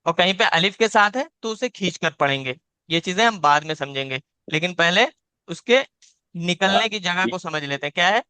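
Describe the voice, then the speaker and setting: Bright, clear-voiced male Quran teacher. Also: sits high, animated, moderate pace, dry recording. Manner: patient, repeats points, demonstrates each sound aloud. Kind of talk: live online class, teaching letter sounds. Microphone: video call.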